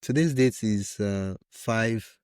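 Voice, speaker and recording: A man's voice: lowish voice, slow pace, darkish tone, dry recording, studio quality. A man hosting a podcast interview, enthusiastic and given to hesitant restarts. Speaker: podcast host.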